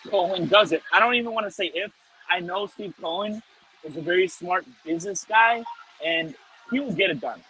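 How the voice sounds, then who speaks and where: A man with a high, bright, forceful voice talks sports as a co-host. He is emphatic and casual, with noticeable ambient noise behind him. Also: normal speed, poor audio. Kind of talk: casual baseball fan talk.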